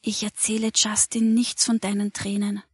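A woman reading a calm, gentle mother. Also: mid-range voice, moderate pace, breathy edge, no room sound, clean studio sound. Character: kind, calm mother comforting a child.

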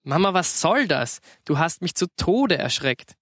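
A man's voice: a little high, a bit bright, dry recording, clean studio sound. A man voicing a chatty, demanding schoolgirl who pleads and hops between topics in a storybook reading. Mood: indignant. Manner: rapid topic-hopping pleading.

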